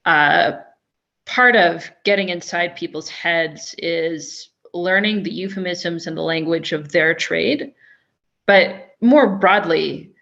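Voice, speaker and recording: A woman's voice: lowish voice, gravelly, a bit bright, highs cut off. A woman who is an investigative journalist, speaking thoughtfully in a webinar, with frequent restarts and fillers. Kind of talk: webinar talk.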